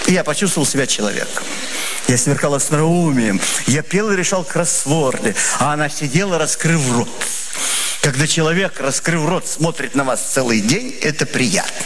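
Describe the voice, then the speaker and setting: A man with a fairly high voice performs a comic monologue. His delivery is deadpan and wry, like a mock confession, over a faint hum of background noise.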